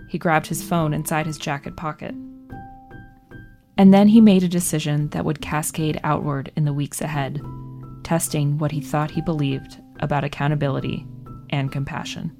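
A woman narrating a true story in a measured, scripted delivery. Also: low voice, a little mellow.

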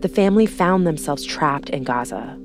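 Woman news podcast host, low register, measured scripted narration, soft music bed. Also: lively intonation.

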